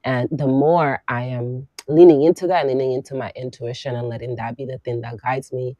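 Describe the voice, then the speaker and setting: A woman hosting a casual conversation, reflective and lively, laughing often. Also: a bass voice, brisk, no room sound, highs cut off. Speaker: podcast host and coach.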